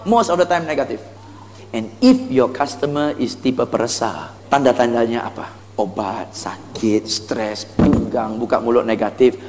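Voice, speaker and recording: A man giving a lively sales seminar, animated, asking the audience rhetorical questions and mixing in English phrases. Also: medium pitch, long reverb tail, a little hiss or hum. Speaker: sales trainer. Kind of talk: motivational seminar talk.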